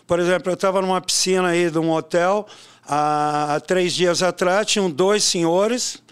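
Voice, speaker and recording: An older man with a high, smooth voice talks at a moderate pace in a casual interview. He's a swimming coach and educator who tells stories animatedly and sprinkles in tag questions.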